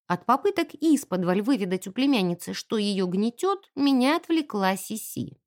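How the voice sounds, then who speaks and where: A woman narrating a first-person audiobook in an expressive, wry storytelling manner. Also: mid-range voice, normal speed.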